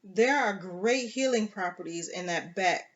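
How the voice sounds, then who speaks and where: A rough, cynical pirate captain barks out blunt orders, as a storybook reader puts him on. The delivery is slow and unhurried. The recording sounds dull and lo-fi. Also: mid-range voice, fairly bright tone, natural voice. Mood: gruff.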